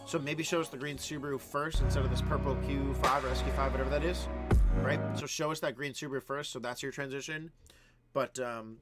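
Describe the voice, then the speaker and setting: A man's voice: mid-range voice, steady tone, fairly quick, over loud music. A man hosting a live stream, giving casual feedback on viewers' videos and coaching them with lots of "um" and "right?". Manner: chatty, frequent "um" and "right?", coaching tone.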